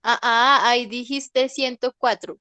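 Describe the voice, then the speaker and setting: A woman teaching an online class, her voice a little high. She explains step by step and keeps checking that her students follow. The sound is dry and close, with no room around it. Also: steady tone, unhurried, bright, forceful tone, smooth, dry recording. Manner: patient, repeats "¿listo?" to check understanding. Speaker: English teacher.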